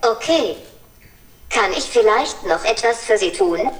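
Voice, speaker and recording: A woman's voice: medium pitch, animated, unhurried, slight background noise. A synthetic female voice of a humanoid service robot, speaking in polite, cheerful assistant phrases during a scripted demo. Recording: roomy and far from mic.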